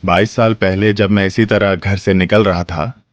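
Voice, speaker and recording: A man's voice: sits low, steady tone, normal speed, no echo, close to an everyday voice. A man dubbing a cheerful departing nephew. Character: cheerful man leaving family for abroad. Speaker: dubbing actor. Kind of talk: Hindi film dub. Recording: dubbed dialogue over loud film music.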